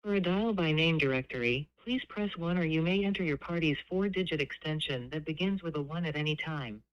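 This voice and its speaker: A woman's prerecorded phone message reading out a company's menu options in an even, scripted announcer delivery, heard over a phone. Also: low-pitched, brisk, no room sound, lo-fi sound. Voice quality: crisp, evenly paced announcer delivery. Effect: recorded phone message.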